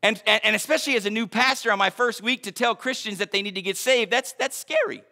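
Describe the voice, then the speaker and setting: A man in his thirties preaching a sermon as pastor in a church, emphatic, rising to shouts and falling to a hush. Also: sits high, animated, quick pace. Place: church sanctuary.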